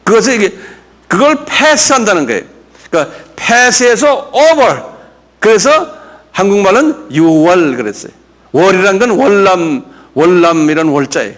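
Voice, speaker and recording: A man's voice: high-pitched, sing-song, a bit bright. An older man, a pastor, teaching a Bible lesson and drilling terms, asking his class questions and having them repeat words after him. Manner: explains slowly, with many fillers and questions to the class.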